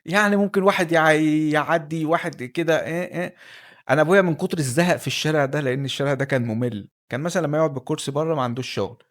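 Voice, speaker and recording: A man's voice: a little high, racing, fairly bright tone. A man with an Egyptian Arabic accent telling a personal life story as a candid, conversational monologue, speaking straight to the listener.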